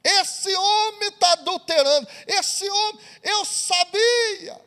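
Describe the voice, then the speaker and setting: A man's voice: very high-pitched, takes it slowly, pushed and bright, pitched above the performer's own voice, full character voice. A man voicing an anxious, jealous middle-aged housewife who talks in an agitated, accusing way, in a sermon story. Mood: distraught.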